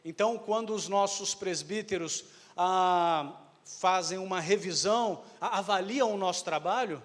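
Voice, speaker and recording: A man's voice: high voice, unhurried. A man interpreting a sermon live, hesitant, with fillers and self-corrections. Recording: echoey hall with long reverb.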